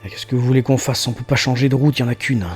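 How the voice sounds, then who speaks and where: A man's voice: mid-range voice, little pitch movement, racing, faint music behind, lightly acted. A man playing a weary, pragmatic escort captain in a tabletop fantasy game, resigned and matter-of-fact.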